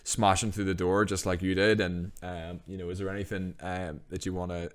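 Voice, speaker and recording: A man's voice: low voice, fairly quick. Laid-back podcast host, a man. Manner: relaxed, asks rambling questions with fillers. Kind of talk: casual podcast interview.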